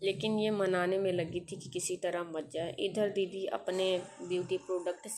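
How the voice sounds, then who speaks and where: A young woman telling family stories in a casual home vlog, chatty and quick to laugh. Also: fairly low pitch, level tone, darkish tone, slight background noise. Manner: chatty, giggly storytelling. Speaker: vlogger. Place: at a relative's home.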